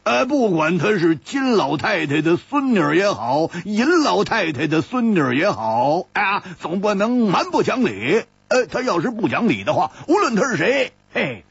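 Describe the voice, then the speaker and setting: A male storyteller voicing a brash, hot-tempered young swordsman who exclaims and stammers loudly. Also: sits high, very animated, measured pace, vocal fry, husky, dry recording, muffled recording, pitched above the performer's own voice, heavily acted. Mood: blustering.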